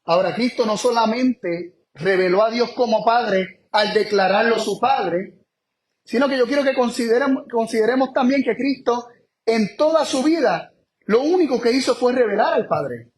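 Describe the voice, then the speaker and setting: A man with a notably high voice preaching a Bible study sermon. He leans hard on key phrases and repeats them, slowing right down for emphasis and then hurrying through his asides. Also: lively intonation. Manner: emphatic, repeats key phrases, shifts between slow stress and quick asides.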